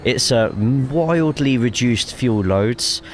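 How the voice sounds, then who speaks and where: A man's voice: mid-range voice, expressive, slow, a little hiss or hum. A man with a cough giving casual, chatty live commentary while streaming a sim racing game, swearing freely and reading chat aloud.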